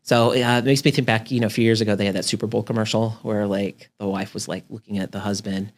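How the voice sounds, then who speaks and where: A man's voice: fairly low pitch, steady tone, quick pace. A man who works as a therapist, talking through relationship problems in a casual interview and peppering his speech with "like" and "right?". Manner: chatty, fills with "like" and "right?".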